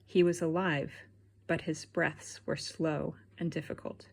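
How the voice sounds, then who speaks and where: A woman reads a learners' storybook aloud at a very slow, careful pace. Her voice is husky, with a gravelly edge. She keeps her pitch low. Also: little pitch movement. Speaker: audiobook reader. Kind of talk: scripted narration for learners.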